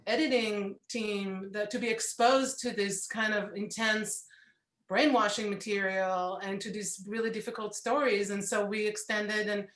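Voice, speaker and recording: A woman documentary producer speaking frankly and in a measured way in an interview. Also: mid-range voice, fairly even intonation, fairly bright tone. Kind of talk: remote interview answers. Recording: echoey room.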